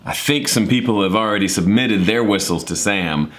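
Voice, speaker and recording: A man's voice: lowish voice, moderate pace, fairly bright tone. A man chatting casually as a vlog host in a playful, self-deprecating way, his S sounds whistling slightly through a gap in his teeth. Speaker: vlogger and podcast host.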